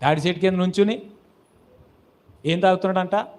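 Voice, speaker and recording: A man preaching with a high-pitched voice. He calls out questions for the congregation to answer and surges into loud, emphatic exhortation. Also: steady tone, fairly quick. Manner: call-and-response preaching, rising to loud exhortation. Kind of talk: sermon.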